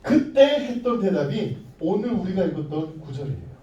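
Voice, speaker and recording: A man telling a bible story to children as their pastor, playful and animated, asking the kids questions as he goes. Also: sits high, fairly quick, lo-fi sound. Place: church hall. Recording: echoey room, mic far off.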